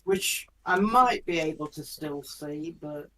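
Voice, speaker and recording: A man's voice: on the high side, slow pace, bright, forceful tone, rough recording. A man making brief, practical remarks as a player in a tabletop game. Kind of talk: casual tabletop game chat.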